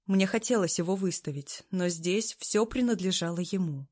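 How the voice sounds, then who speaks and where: A woman reading a first-person story aloud, narrating in a calm, even way. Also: on the low side, moderate pace.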